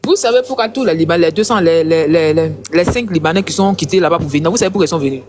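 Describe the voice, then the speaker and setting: A man's voice: on the high side, rapid-fire, background noise. A man with an Ivorian accent giving heated online commentary, passionate and emphatic, repeating his points.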